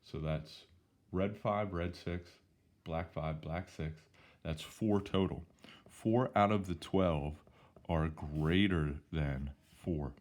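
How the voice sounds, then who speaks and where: A male statistics teacher, hoarse from losing his voice, casually talking through problems step by step in a recorded lesson. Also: sits low, slow, darkish tone. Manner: casual, chatty, talks through each step. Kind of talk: recorded math lesson walkthrough.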